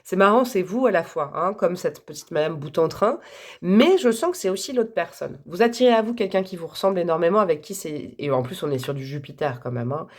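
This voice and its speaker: A woman's voice: lively intonation, fairly quick. A woman giving a casual tarot reading to the camera, chatty and effusive, who calls her viewers friends and breaks into sudden exclamations. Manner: exclamations and sudden jumps in pitch and loudness. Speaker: tarot card reader.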